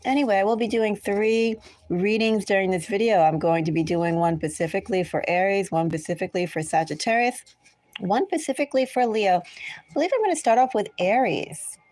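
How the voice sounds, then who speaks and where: In a dry recording, an American woman chats casually and ramblingly with viewers while hosting a tarot reading livestream. Her voice is medium-pitched and darkish, and she talks fairly quickly.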